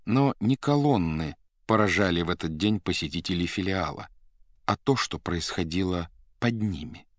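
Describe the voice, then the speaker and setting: A man with a lowish voice narrates a novel in a measured, steady manner. The recording is close and dry, with no room sound around him. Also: dry recording. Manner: measured, even storytelling delivery. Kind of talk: literary audiobook narration.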